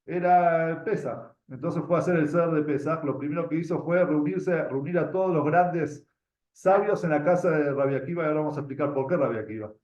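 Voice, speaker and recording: Argentine man, religious storytelling lesson, somewhat high voice, echoey room, dull lo-fi sound. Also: a little mellow. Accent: Argentine Spanish. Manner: halting, repeats words while searching for them; asks listeners questions. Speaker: religious teacher.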